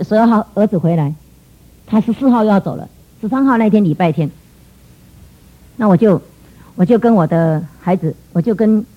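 A middle-aged woman shares a church testimony at a quick clip, her voice somewhat husky. She tells her story earnestly and acts out the dialogue as she goes. The recording sounds dull and lo-fi. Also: mid-range voice. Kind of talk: emotional personal testimony.

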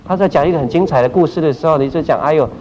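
Middle-aged male pastor, animated teacher who acts out his examples, muffled lo-fi audio with loud noise behind. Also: on the high side, racing. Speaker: pastor teaching group leaders. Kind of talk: church training talk. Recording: dull recording with loud background noise.

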